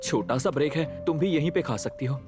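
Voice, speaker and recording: A woman dubbing a gentle young man who softly urges someone to stay. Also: low voice, a little fast, lightly acted. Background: background music.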